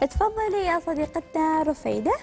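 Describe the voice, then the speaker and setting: A woman's voice: very high voice, big pitch swings, a little fast, dark tone, faint music behind. A woman hosting a children's studio show, coaxing children with upbeat questions.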